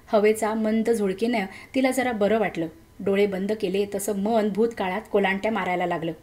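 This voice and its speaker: A woman reading a story aloud as its narrator, in a gentle, emotive way. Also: medium pitch.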